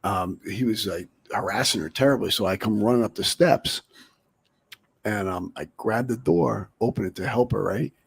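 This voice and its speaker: A man's voice: on the low side, normal speed, gravelly, slightly rough, no room sound. A man talking as a guest in a casual chat, telling a story in a rambling way full of fillers. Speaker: guest, former bouncer and bodyguard.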